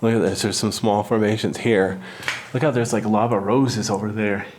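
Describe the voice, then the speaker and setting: A man speaks at a normal pace in a lowish, slightly mellow voice with fairly even intonation while narrating his cave exploration unscripted. He is inside a lava tube, recording on an action camera mic, and some slight background noise can be heard.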